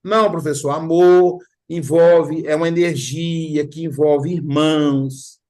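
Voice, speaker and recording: A man's voice: a little high, fairly even intonation, slow, a little mellow. An earnest young college girl eagerly answers her professor's questions in a slightly raised voice, as a man acts her out. The voice stays close to his own.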